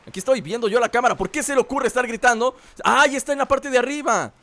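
A man's voice: extremely high pitch, fast talker, sharp tone. A man with a Latin American Spanish accent, joking and exclaiming his way through live gameplay commentary. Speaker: gaming video host.

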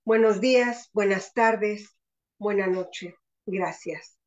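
A Mexican woman, a writer, giving a formal, measured presentation with a Mexican accent. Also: medium pitch, highs cut off. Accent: Mexican Spanish. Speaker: guest speaker, writer.

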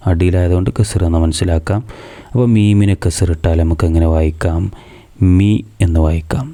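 A man's voice: low voice, steady tone, quick pace, warm tone. A man teaching a reading lesson to young children, patiently asking questions and answering them himself. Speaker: madrasa teacher.

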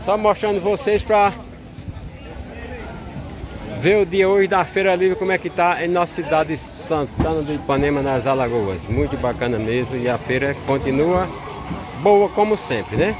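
Strolling through a crowded outdoor street market, a vlogger with a Northeastern Brazilian accent and a fairly high voice narrates in a chatty, easygoing way, warmly greeting the vendors. His handheld camera mic picks up the market crowd chattering around him.

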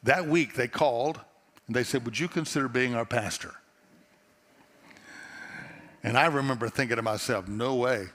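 A middle-aged pastor with a Texan accent gives a sermon from a large church stage to a seated audience, speaking earnestly and conversationally in a storytelling style and often restarting phrases. His mid-range, fairly bright voice moves at a moderate pace with frequent pauses. He's on a headset mic, and long hall reverb comes from the auditorium.

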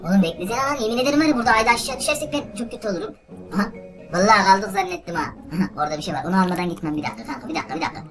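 A woman rattles off let's play commentary at a breakneck clip, exclaiming constantly and calling out to her viewers as she plays. Her voice sits at an ordinary middle pitch for a woman. Game music plays clearly behind her. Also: racing. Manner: excitable, exclaiming, talks straight to viewers. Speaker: gaming video host.

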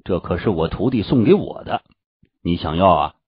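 Brief: man playing smug teasing old master, husky, lively, lo-fi storybook. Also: sits low, moderate pace, dry recording, full character voice. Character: smug older male master, possessive. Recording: dull, dry lo-fi audio.

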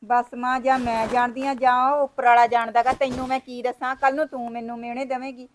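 A woman plays a proud young married daughter who snaps and scorns her visiting family. Her voice is high and quick. She sounds sharp and bitter throughout. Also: flat delivery, a little hiss or hum, natural voice. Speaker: sulking daughter.

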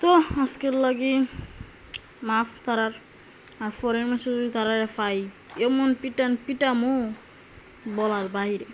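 Excitable Sylheti woman gaming commentator. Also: a little high, normal speed, pauses often, slight background noise, low-quality recording. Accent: Sylheti Bengali. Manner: chatty, excitable, addresses viewers, frequent exclamations. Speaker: gaming YouTuber. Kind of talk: mobile game commentary.

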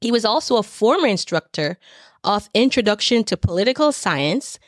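A woman podcast host with a mid-pitched voice. She speaks in an introductory hosting style, recorded close and dry with no room sound. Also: big pitch swings, moderate pace, dry recording. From a Caribbean island.

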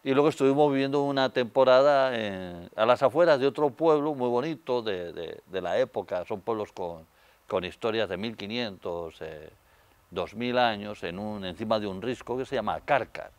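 A man's voice: fairly low pitch, normal speed, clean tone, no echo. An older man with a Spanish accent from Spain, a guest telling stories in a studio interview, on a lapel mic. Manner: storytelling, gestures with hands, many fillers. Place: TV studio set.

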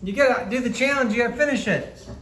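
A woman's voice: a little high, fast talker, fairly bright tone, a little hiss or hum. A woman chatting casually with children as a mother running their challenge in a home video. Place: open-plan home kitchen and living room. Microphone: handheld camera from across the counter. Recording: echoey room with children's chatter behind.

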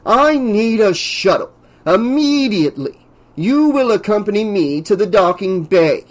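For an audiobook story, a man voices a pompous, demanding male scientist obsessed with his own genius, drawing out his lines grandiosely. His pitch is fairly high and his delivery expressive.

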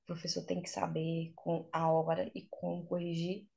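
A woman's voice: fairly low pitch, completely flat delivery, normal speed, gravelly, mellow, breathy edge. A woman with a Brazilian Portuguese accent, an English teacher patiently explaining her points step by step in a casual interview. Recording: dull, lo-fi sound.

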